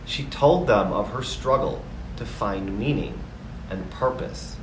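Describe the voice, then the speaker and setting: Slow, low-voiced man, calm gentle storyteller. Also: echoey room, far from the mic, background noise. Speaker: storyteller, narrator. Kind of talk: slow scripted storytelling narration.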